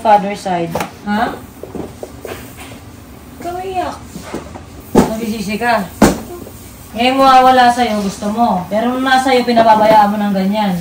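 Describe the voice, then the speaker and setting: A woman's voice: mid-range voice, roomy sound, far from the mic, noisy background. A mother scolding her daughter sternly in a vlog, repeating pointed questions. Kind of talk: vlog confrontation.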